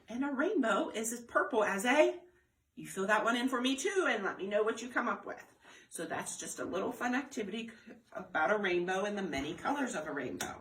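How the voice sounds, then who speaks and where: With a medium-pitched, fairly bright voice, a library storytime presenter gives a children's lesson built on repetition and demonstration. She talks directly to young viewers in a sing-song way, prompting them along the way.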